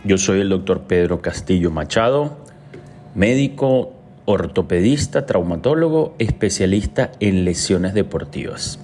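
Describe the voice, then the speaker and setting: A man's voice: deep voice, lively intonation, a little slow, a little mellow, soft background music. A man from Venezuela, an orthopedic doctor, giving an explanatory medical talk with frequent hesitation fillers.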